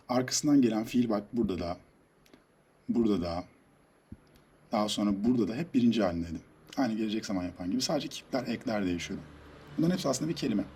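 A man explaining English grammar in a patient teaching voice, reading example sentences slowly and carefully. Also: lowish voice, darkish tone, slightly rough. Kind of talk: screen-recorded English lesson in Turkish.

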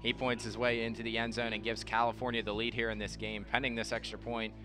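A man's voice: mid-range voice, monotone, quick pace, over music. A young American man giving live football analysis as a color commentator.

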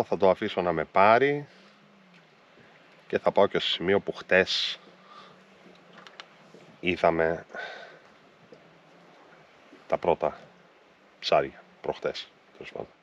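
This deep-voiced man in his thirties is a fishing vlogger filming from a small inflatable boat on the open sea. He fishes while calmly explaining things to viewers in casual commentary, pausing often. The audio from the boat-mounted action camera is dull, with boat and water noise outdoors.

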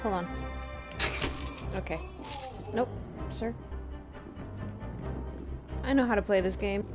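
A woman's voice: medium pitch, normal speed. A woman giving casual gameplay commentary as a streamer, talking to herself with self-deprecating humor and sometimes fumbling for words. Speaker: game streamer. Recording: music behind the voice. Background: game music and sounds.

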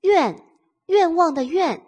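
A woman's voice: very high voice, animated, slow. A woman narrating a scripted lesson for small children, simply and in a singsong way as if reading to a toddler, repeating words for listeners to follow. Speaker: children's literacy teacher and narrator.

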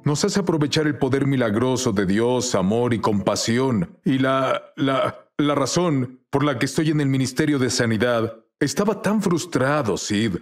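A man's voice: mid-range voice, lively intonation, moderate pace, hardly any pauses, faint music behind. A man as the guest minister in a dubbed interview, telling testimonies earnestly and acting out quoted dialogue.

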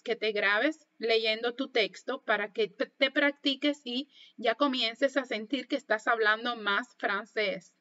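A woman teaching a French lesson online, speaking slowly and carefully as she models pronunciation for learners to repeat. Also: fairly high pitch, bright, forceful tone, highs cut off.

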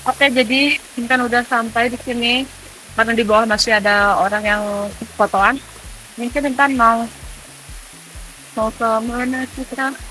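A woman's voice: on the high side, fairly even intonation, a little slow, pauses often, bright, forceful tone, faint music behind. A woman vlogging outdoors at a waterfall, talking in a chatty, upbeat way with lots of fillers and an Indonesian accent. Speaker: travel vlogger. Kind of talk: casual travel vlog.

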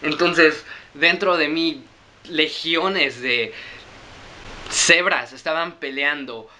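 A man tells a comic anecdote for his vlog, rushing ahead and stopping to correct himself. His voice is bright and forceful, a bit high. A faint hiss runs underneath. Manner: rapid, self-correcting, exaggerated storytelling. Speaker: vlogger.

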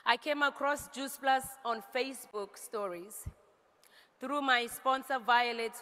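A woman from South Sudan reading an emotional, grateful success speech on a large stage, sometimes rising to shouts. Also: on the high side. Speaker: stage speaker at a company event. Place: large stage with reverberant hall. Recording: long hall reverb from stage.

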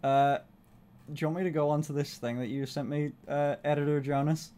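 A young woman streams from her bedroom, chatting casually into a desk mic on an arm, swearing and laughing often. Her voice is deep and warm, brisk, with fairly even intonation.

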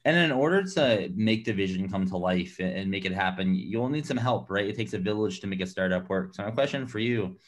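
A man's voice: lowish voice, a little fast, few pauses. A young man hosting a video call interview from a room at home, asking questions casually with fillers. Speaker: podcast host. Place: home room with ceiling fan.

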